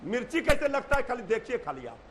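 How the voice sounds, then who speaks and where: Man, very high voice, combative debater, faint hiss behind. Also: huge pitch swings, fast. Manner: combative, pleading then shouting over others. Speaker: party spokesperson. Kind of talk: heated TV debate.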